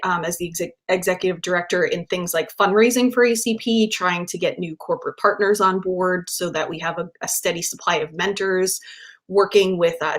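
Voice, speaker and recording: A woman with a slightly low voice speaks as a panel guest. Her style is conversational, like a nonprofit director explaining her work in an interview. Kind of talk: casual interview talk.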